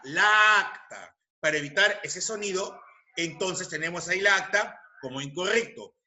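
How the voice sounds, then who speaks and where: A man with a Peruvian Spanish accent giving a grammar lecture, speaking deliberately, repeating key terms and checking that students follow. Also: sits high, sharp tone. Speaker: teacher.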